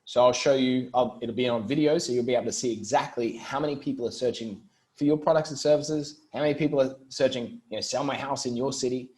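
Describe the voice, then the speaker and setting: Speaking fast in a mid-range, darkish voice, an Australian man from Brisbane appears as an interview guest. He's a marketing entrepreneur who explains things in a relaxed, conversational manner.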